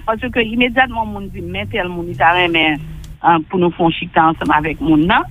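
A man with a Haitian accent, speaking on a radio talk show over a telephone line, halting and often repeating himself as he restarts. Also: high-pitched, steady tone. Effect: heard over a telephone line. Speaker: guest reporting by phone. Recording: narrow tinny phone line.

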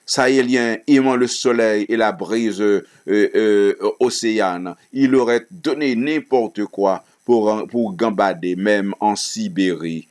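Low-voiced guy reading a story out loud really slow, trips over words sometimes. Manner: hesitant, restarts words while reading. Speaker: reader. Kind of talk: reading a novel aloud.

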